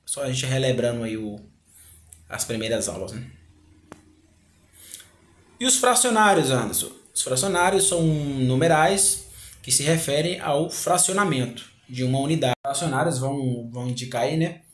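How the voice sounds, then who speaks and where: A man teaching a grammar lesson, explaining slowly, repeating words and asking rhetorical questions. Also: mid-range voice, animated. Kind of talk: grammar lecture. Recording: echoey room.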